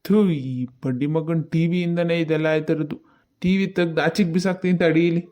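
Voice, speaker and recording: A man voicing a gruff middle-aged father in a cartoon, blunt and grumbling. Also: on the high side, fairly even intonation, brisk, darkish tone, natural voice.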